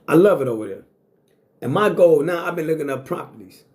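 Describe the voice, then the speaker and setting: A man's voice: fairly high pitch, lively intonation, brisk, darkish tone. A man in his sixties speaking in a blunt, boastful monologue to camera, swearing freely and repeating himself. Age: 60s. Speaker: vlogger.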